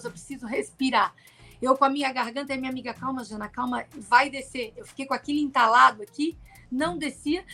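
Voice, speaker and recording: High, gravelly Brazilian podcast guest woman. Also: a bit bright. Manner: emotional storytelling, frequent "né?" tags. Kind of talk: personal testimony in a podcast interview.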